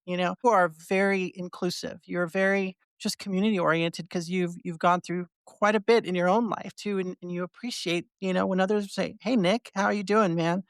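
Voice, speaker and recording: A woman's voice: on the low side, fairly even intonation, brisk, few pauses, clear, resonant tone, no echo, clean studio sound. A woman hosting a podcast, chatting casually with a guest and rambling through heartfelt thoughts with many restarts. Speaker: podcast host. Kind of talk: casual interview chat.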